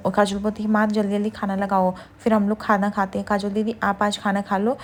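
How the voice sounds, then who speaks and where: A woman rattles through a serial's plot at a quick clip, quoting one character after another. Her pitch barely moves, so the delivery sounds flat and even. She sounds casual, and she stumbles on fillers as she goes. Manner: rapid retelling with fillers, quotes each character in turn. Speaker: serial recap narrator. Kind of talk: casual story recap.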